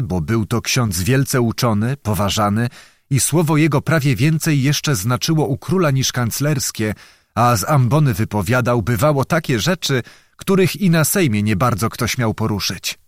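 A man narrating an audiobook in a measured, dramatic storytelling manner. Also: medium pitch, no room sound, studio quality. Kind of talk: scripted narration.

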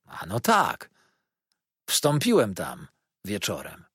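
A man voicing a kindly, good-humored fisherman who soothes with calm, unhurried words. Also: fairly low pitch, husky, no echo, studio quality, exaggerated voice. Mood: soothing. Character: kindly gruff fisherman, middle-aged man.

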